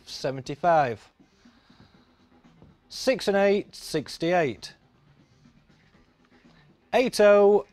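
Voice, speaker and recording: A middle-aged man calls bingo numbers on a TV show from a studio, using a sing-song, repetitive patter. His voice is high-pitched, with no echo.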